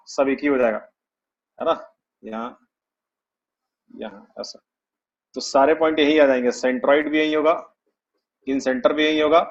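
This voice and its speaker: Male math teacher, slightly high voice, step-by-step explaining, dull lo-fi audio. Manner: explains step by step, adds "है ना?" to check understanding. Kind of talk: online math class, dictating notes. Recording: dull lo-fi online class audio.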